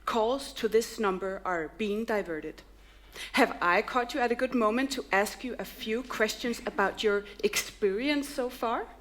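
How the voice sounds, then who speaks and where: Actress as an over-polite call-centre surveyor, eager, bright customer-service voice, a touch high. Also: female voice, a little slow. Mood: cheery. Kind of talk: live music-theatre acting. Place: theatre stage.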